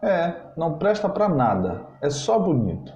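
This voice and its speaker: A man's voice: fairly high pitch, sing-song, unhurried, a little mellow, pitched above the performer's own voice. A man voicing a shy, stubborn country boy. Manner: shy, repeatedly polite refusals. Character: poor barefoot country boy, about ten, polite and stubborn. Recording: roomy, slightly dull, faint music.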